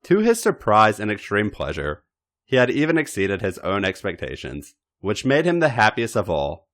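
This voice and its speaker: Here a man who hosts a podcast performs a fan fiction story, his fairly low-pitched voice full of drama and expression. Pauses are placed with care, and his emphasis is theatrical.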